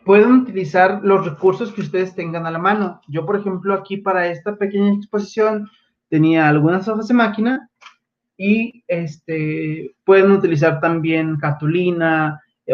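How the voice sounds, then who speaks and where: A male primary school teacher from Mexico giving a patient livestreamed lesson to his pupils, pausing often on fillers like "eh" and "este". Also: fairly high pitch, fairly even intonation, lo-fi sound. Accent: Mexican Spanish. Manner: halting, many fillers like "eh" and "este"; patient, gently instructive.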